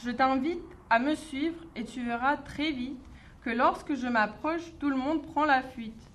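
A woman's voice: high-pitched, measured pace, slight background noise. A woman voicing a small, clever female mouse who bluffs her way past predators in a storybook reading. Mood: boastful. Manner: bright, sly, bluffing.

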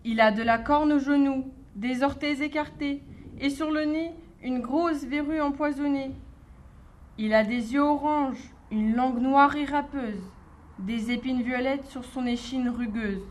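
A quick-witted little storybook mouse, played by a woman, high-voiced and full of bluff. She sounds sweet and boastful at once. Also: steady tone, slight background noise. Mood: sly. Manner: bright, sly, bluffing. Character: small clever boastful female mouse.

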